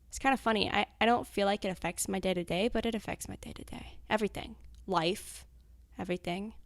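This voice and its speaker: Young woman, 20s, interviewee; blunt, confessional, swears a lot; slight vocal fry. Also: medium pitch, dry recording. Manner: blunt, frank, swears freely. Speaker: anonymous interviewee. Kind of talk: candid recorded interview, cut into fragments.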